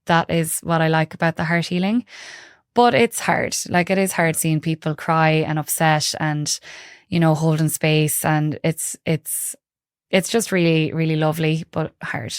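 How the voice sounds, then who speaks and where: A woman's voice: sits low, steady tone, measured pace, smooth, no room sound, clean studio sound. A woman with a west of Ireland accent from Galway, talking informally and reflectively as an interview guest, often saying "like" and "you know". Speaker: podcast guest, holistic heart-healing practitioner. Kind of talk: casual conversational interview.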